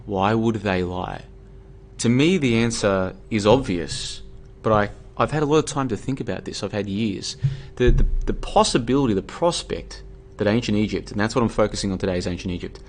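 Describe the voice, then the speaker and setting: A man's voice: lowish voice, slight background noise. An Australian man talking casually on his livestream, argumentative and tired, with many fillers and restarts. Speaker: livestream host. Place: home room.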